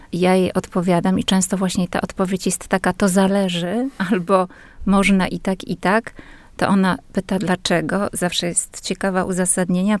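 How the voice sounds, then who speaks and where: A woman linguist explaining language rules in a measured, patient way, speaking as a guest on a radio interview. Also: mid-range voice, darkish tone, no room sound.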